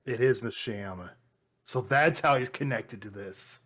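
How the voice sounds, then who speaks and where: A man's voice: mid-range voice, unhurried, fairly bright tone. A man talking casually as he comments on a video game he is playing. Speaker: let's player.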